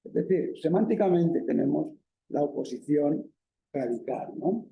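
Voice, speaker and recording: A man's voice: a little high, lively intonation, measured pace, vocal fry, highs cut off. A man from Spain with a Peninsular Spanish accent giving an academic lecture as a university professor, explaining step by step with many fillers and tag questions. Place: lecture hall. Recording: echoey lecture room.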